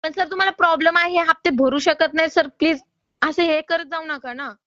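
A woman's voice: very high-pitched, steady tone, brisk, bright, forceful tone, no echo, dull audio. A woman calling to collect a loan payment, polite but insistent and exasperated. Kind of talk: phone call.

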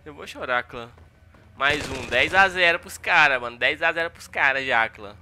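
A man's voice: mid-range voice, moderate pace, bright, forceful tone, a little hiss or hum. A young man with a Brazilian Portuguese accent, giving casual commentary over his own gameplay, exasperated and full of slang. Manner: exasperated, slangy, repeats tags like mano and véi. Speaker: gaming YouTuber. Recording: gunfire sounds under the voice.

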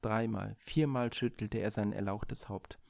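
A man reading a Greek myth aloud in a measured, expressive storybook manner on a studio microphone. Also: fairly low pitch, vocal fry, no room sound.

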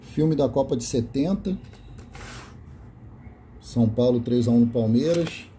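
Slight background noise accompanies a Brazilian host's casual off-camera commentary as he reads VHS tape labels one after another in a small room, correcting himself along the way. His medium-pitched voice is dark in tone and a little slow, with a Brazilian Portuguese accent.

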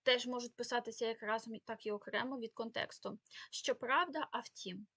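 A woman's voice: on the high side, fairly even intonation, a little fast, pushed and bright, husky, no echo. A woman teaching a spoken grammar lesson, explaining rules with many fillers and self-corrections. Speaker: Ukrainian language teacher.

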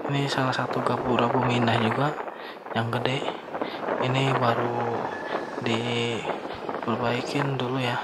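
A young man talks his viewers through a motorbike ride in a flat, laid-back voice. He sounds relaxed and slangy, recorded on a camera mic on the move. Engine and street traffic noise sit clearly under his words. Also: mid-range voice, takes it slowly, pauses often. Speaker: motovlogger. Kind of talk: casual riding commentary. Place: riding a motorbike on town streets outdoors.

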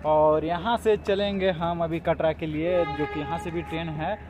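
A man's voice: fairly high pitch, steady tone, normal speed. A young man vlogging a train journey and a railway station into his phone, chatty and calling his viewers friends again and again. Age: young adult. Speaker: travel vlogger. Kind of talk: casual travel vlog to camera. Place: inside a train, then outdoors at a busy railway station. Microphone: phone camera held at arm's length. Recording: loud background noise from a moving train and station. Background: loud train and station noise.

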